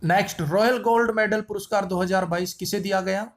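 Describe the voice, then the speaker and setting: High-voiced playful man teaching quiz tricks. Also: fairly even intonation, brisk. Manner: playful wordplay, repeats lines. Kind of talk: memory-trick quiz lesson.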